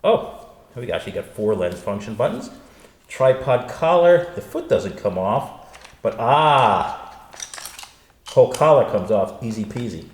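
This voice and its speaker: A man's voice: mid-range voice, big pitch swings, measured pace, long pauses, a little mellow. A chatty man from the United States hosting a casual unboxing, exclamatory and wisecracking, recorded in stereo in a reverberant room. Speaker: host and gear reviewer. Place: untreated echoey room indoors. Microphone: stereo pair of studio microphones. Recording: big echoey room, clear reverb, faint noise.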